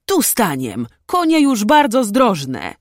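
A woman voicing an eager, bitter young male nobleman who talks loudly in old-fashioned speech. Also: fairly low pitch, slow pace, no echo, studio quality, pitched above the performer's own voice. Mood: shouting. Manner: loud and excited, archaic speech.

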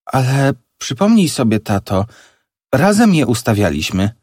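A man's voice: medium pitch, sing-song, measured pace, a little mellow, no echo, clean studio sound, pitched above the performer's own voice. A man voicing a worried young woman, a daughter pleading and asking questions, in an audiobook reading. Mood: anxious.

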